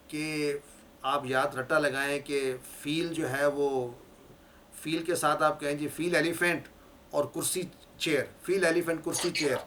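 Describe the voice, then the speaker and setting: Man explaining slowly in a lecture. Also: fairly high pitch, sharp tone, slight background noise. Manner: explanatory, repeats key words for learners. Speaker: teacher. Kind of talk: classroom lecture.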